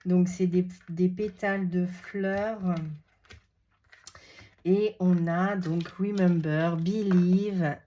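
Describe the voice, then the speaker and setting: A woman's voice: medium pitch, a little hiss or hum. A woman hosting a casual crafting tutorial, chatting with frequent hesitations while she handles paper and stickers. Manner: chatty, hesitant with many fillers, talks while handling materials. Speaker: crafting video host.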